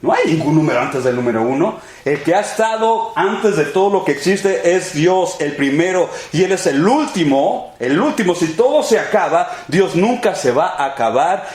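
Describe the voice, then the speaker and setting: A pastor teaches a sermon-style Bible class in an echoey church sanctuary, his fairly high, darkish voice lively in intonation, moderately paced, with hardly any pauses. He's emphatic and repetitive, addressing listeners as brothers and friends.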